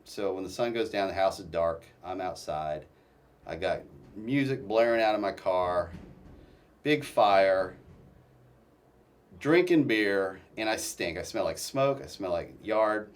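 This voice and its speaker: A man telling his own story as a guest in a casual interview, halting and restarting often. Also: sits low, recorded from a distance.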